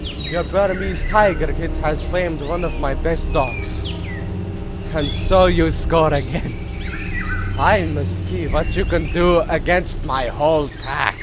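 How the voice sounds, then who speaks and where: A man's voice: on the high side, takes it slowly. A man acting in a radio play as an urbane, gloating aristocratic general who hunts men, theatrical and condescending in manner. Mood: grudging admiration. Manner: theatrical, condescendingly congratulatory, chuckling. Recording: noisy, with night insects behind.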